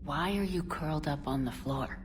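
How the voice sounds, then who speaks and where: A woman's voice: low voice, normal speed, long reverb tail, close to an everyday voice. A woman playing a composed, commanding military space commander in a video game, direct and assured with a wry edge. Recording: clear background ambience noise.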